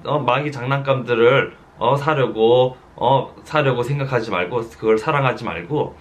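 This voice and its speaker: A pastor preaching a sermon, telling a story earnestly and repeating phrases for emphasis. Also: male voice, medium pitch, fairly bright tone. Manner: slows down to stress quoted words.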